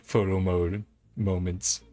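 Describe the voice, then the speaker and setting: A warm, deep voice, level in tone and slow in pace, carries this casual game stream chat. The host is giggly, hesitant and rambling, and video game music plays behind him.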